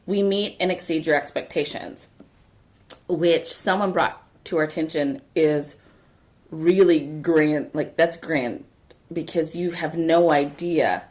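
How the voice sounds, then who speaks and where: A woman co-hosts a casual podcast, chatting and telling a story about her workplace, growing animated whenever she quotes someone. Her voice sits low and she speaks slowly.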